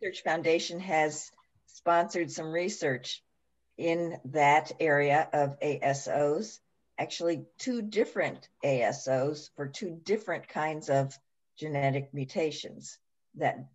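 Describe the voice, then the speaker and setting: Low-voiced woman from the foundation. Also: a little mellow, muffled recording. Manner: measured, lightly joking. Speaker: foundation representative. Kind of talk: casual remarks in a video chat. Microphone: video call.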